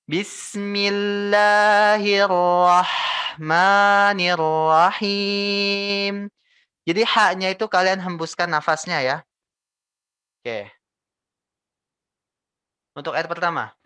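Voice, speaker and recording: A young man teaching Quran recitation, patiently repeating and modelling each syllable slowly. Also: on the high side, expressive, pushed and bright, no room sound. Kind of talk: tajweed lesson with recited examples.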